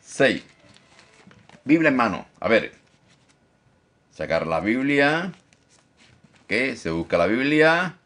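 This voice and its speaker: A man teaching a Bible study as pastor, animated, often repeating phrases and checking in with his listeners. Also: takes it slowly, long pauses. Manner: lively, animated teacher who mimics critics in a high mocking voice. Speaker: pastor teaching a discipleship class.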